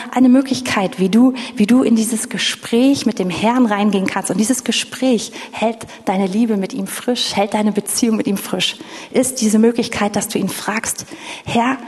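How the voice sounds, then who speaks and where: A woman's voice: mid-range voice, darkish tone. A woman preaching a sermon, speaking earnestly to her congregation and often repeating herself. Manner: earnest, addressing the congregation directly, with frequent repetitions. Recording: reverberant hall.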